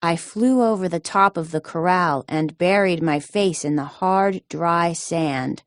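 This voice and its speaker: A woman narrating a children's storybook in a slow, deliberate storytelling manner. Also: fairly low pitch, dry recording, studio quality. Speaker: storybook reader.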